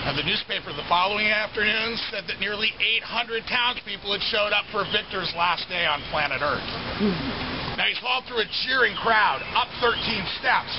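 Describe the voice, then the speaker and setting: A high-pitched man leads a ghost tour with theatrical, folksy storytelling. He speaks straight to his listeners outdoors. The recording is dull and lo-fi, with loud street noise around him. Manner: dramatic, folksy, addressing the listeners directly.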